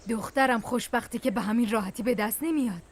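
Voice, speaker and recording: A woman dubbing a wise village woman in a TV drama, soothing and giving advice. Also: on the high side. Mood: coaxing. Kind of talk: dubbed TV drama.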